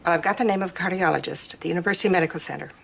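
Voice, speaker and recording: A woman's voice: fairly low pitch, rapid-fire, gravelly, fairly bright tone, slightly rough, heavily acted. A fussing middle-aged mother. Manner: fussing, defensive.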